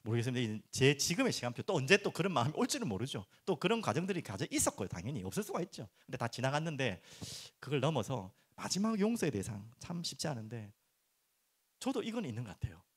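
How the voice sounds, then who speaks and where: Middle-aged pastor guy giving a sermon, lively swooping voice, goes loud then soft and low. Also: fast, husky. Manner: animated, acts out prayers and complaints in raised voice; drops to soft, low tones for earnest points.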